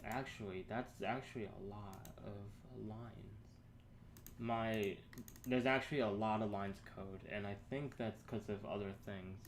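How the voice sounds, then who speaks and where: A young man casually thinking aloud and answering chat on a live coding stream, halting and rambling as he works. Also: lowish voice, fairly even intonation, slight background noise. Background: keyboard typing.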